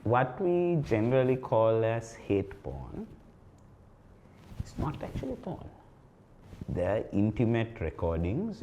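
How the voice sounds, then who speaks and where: Animated Sri Lankan man explaining, some background noise. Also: lowish voice. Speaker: lawyer, podcast guest. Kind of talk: explanatory interview talk with anecdotes.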